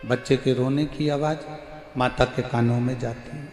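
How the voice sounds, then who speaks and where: A man preaching a devotional sermon, slowly repeating his lines for emphasis, with a verse chanted now and then. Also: medium pitch, steady tone, darkish tone. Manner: slow, repetitive, emphatic preaching. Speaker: preacher of religious discourse. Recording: echoey hall with faint music.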